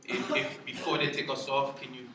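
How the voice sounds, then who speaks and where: A Haitian-born man who owns a business, giving a halting presentation to a community board with many ums and restarts. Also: medium pitch, monotone. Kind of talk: public meeting presentation. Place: community board meeting room. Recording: roomy hall, distant mic, background noise.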